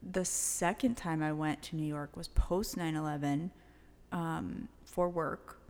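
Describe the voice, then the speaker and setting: Woman in her 30s, lowish voice, lively storyteller co-host, reverb tail. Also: slow pace. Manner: animated storyteller, frequent likes. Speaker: podcast co-host. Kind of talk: casual chat.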